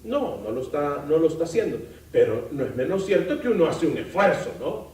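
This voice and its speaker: Pastor guy preaching, higher voice, lively and joking, echoey church, mic kinda far. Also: brisk. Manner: lively, with rhetorical questions to the congregation and light humor. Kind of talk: sermon. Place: church sanctuary.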